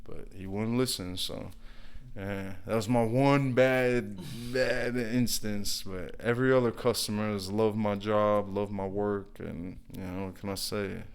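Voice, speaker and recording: A man's voice: fairly low pitch, a little slow, a little hiss or hum. A man talking casually as a guest about his contracting work, rambling with lots of fillers and acting out an angry customer. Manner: relaxed, rambling, lots of "you know" and "like"; acts out an angry customer in quoted bursts. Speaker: guest, brick and mortar contractor. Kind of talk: casual storytelling interview.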